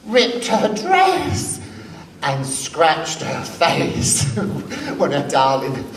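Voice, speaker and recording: A man's voice: on the high side, a bit bright, exaggerated voice. An actor playing a seasoned, sassy drag queen who tells a story in a campy, drawling, streetwise way on stage. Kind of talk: stage monologue. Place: live performance stage. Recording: echoey hall, distant mic, faint noise.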